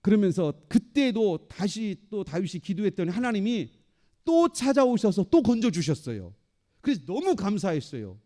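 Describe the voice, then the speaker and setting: A male pastor preaching a sermon in an animated way, acting out the voices he quotes. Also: high-pitched, moderate pace.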